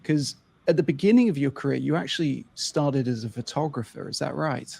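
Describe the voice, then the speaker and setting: A man's voice: medium pitch, a little fast, vocal fry, darkish tone, slightly rough. A man hosting a podcast interview, a photographer himself, speaking in a conversational, encouraging way as he leads the questions.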